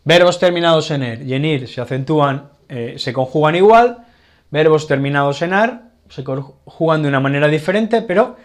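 A man with a Spanish accent giving a casual grammar lesson, often pausing to check in with his learners. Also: on the high side. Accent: Spanish from Spain. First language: Catalan. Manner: explanatory, checks in with frequent "vale". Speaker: Spanish teacher.

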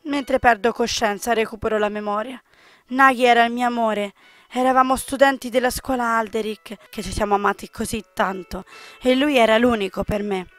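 A woman reading a visual novel's narration aloud, expressive, with small slips and restarts. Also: fairly high pitch, moderate pace, no room sound, faint music behind.

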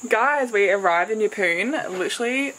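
A woman's voice: medium pitch, animated, normal speed. A young Australian woman in her twenties chatting casually to a handheld camera on a road trip, leaning heavily on fillers like "like". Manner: chatty, filler-heavy, says "like" often. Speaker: travel vlogger. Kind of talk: casual vlog chat to camera. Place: car and outdoors on a road trip. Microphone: handheld camera or phone. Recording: noisy with vehicle and outdoor sound.

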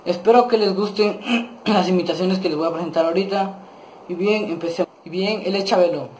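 Un hombre invitado que se presenta con calma para un duelo de imitaciones. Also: male voice, sits high, fairly quick, slight background noise. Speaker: guest voice impressionist. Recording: roomy room echo.

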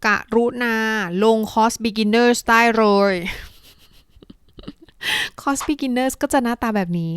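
A woman with a Thai accent teaching an English lesson, saying model sentences slowly and deliberately and adding quick asides. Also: on the high side, fairly even intonation, clear, resonant tone, dry recording, clean studio sound.

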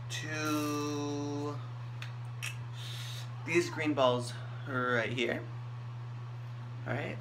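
Bright-voiced young man vlogging casually. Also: on the high side, low-quality recording. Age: young adult. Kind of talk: casual chat. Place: small indoor bathroom. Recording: clear background noise in bathroom.

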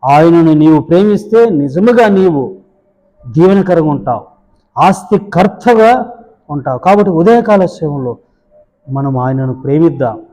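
A man's voice: fairly high pitch, expressive, unhurried, long pauses, warm tone, big-room sound, poor audio. A male pastor giving a daily devotional sermon, fervently retelling scripture with rising emotional emphasis.

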